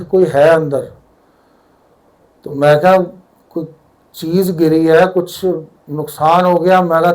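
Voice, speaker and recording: An older man with a Punjabi accent tells a devotional story, slipping into the lines of each person in it. His voice sits a little high and mellow, and he takes his time over every sentence. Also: low-quality recording. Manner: vivid storyteller who acts out the dialogue. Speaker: devotee sharing a satsang story. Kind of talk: spoken storytelling at a satsang.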